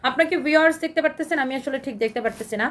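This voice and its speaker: A woman with a Bangladeshi Bengali accent, hosting a live shopping sale with an enthusiastic, repetitive pitch and English phrases mixed in; her voice is hoarse from shouting. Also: rapid-fire, recorded from a distance, a little hiss or hum. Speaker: live-sale fashion seller.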